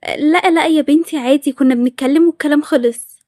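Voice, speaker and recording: A woman with an Egyptian accent voicing a patient parent who calmly soothes a suspicious daughter. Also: sits high, quick pace, no echo, clean studio sound, natural voice. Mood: soothing. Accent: Egyptian Arabic. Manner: soothing, placating.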